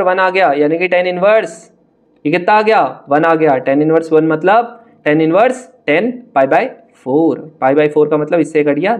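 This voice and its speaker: A young man with a high, bright-sounding voice talks a class through maths problems step by step. He chats straight at the students and brushes off hard-looking questions with a teasing laugh in his voice. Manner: brisk, chatty, addresses students directly, mocks hard-looking questions. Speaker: maths teacher. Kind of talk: online exam-prep lesson.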